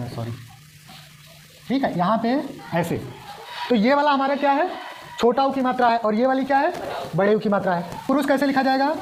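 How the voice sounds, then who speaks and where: A woman's voice: high voice, slight background noise. A woman teaching a lesson, who keeps asking the class questions and then answering them herself. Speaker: Hindi teacher. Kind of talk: explaining at a whiteboard.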